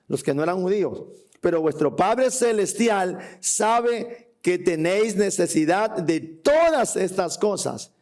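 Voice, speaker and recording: A man's voice: sits high, a little mellow. A man preaching a sermon to a church congregation. He reads scripture aloud and puts questions to the listeners. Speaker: pastor. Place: church hall before a congregation.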